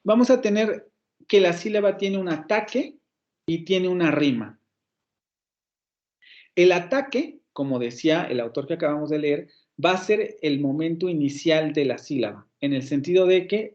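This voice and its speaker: A man's voice: on the high side, darkish tone. Lecturing Mexican man, muffled call audio. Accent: Mexican Spanish. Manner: explanatory, thinking aloud with fillers and self-corrections. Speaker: university phonetics lecturer. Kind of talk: online lecture.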